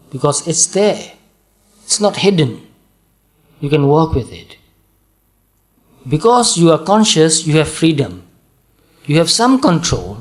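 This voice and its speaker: A man from Burma with a Burmese accent, giving a calm, patient dharma talk and repeating points slowly. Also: on the high side. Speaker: Buddhist monk teacher.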